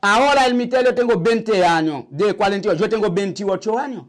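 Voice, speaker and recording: Older man, Haitian accent, high voice, halting, repeats himself, small shrine room. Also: lively intonation. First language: Haitian Creole. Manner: halting, repetitive storytelling. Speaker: vodou priest. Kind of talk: interview.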